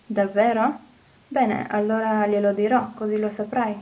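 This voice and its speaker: A woman reading an audiobook, voicing a cheerful, eager little orphan girl who talks in a bright, earnest way. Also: medium pitch, flat delivery, a little slow, distant mic, natural voice, low-quality recording. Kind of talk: audiobook character voice.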